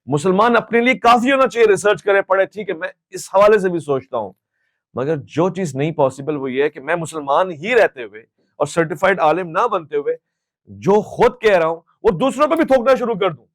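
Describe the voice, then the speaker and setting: Male Pakistani host, fervent and reproachful, high voice, bone-dry close sound. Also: lively intonation, dry recording. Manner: impassioned, scolding, switches into English phrases. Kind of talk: public Q&A answer.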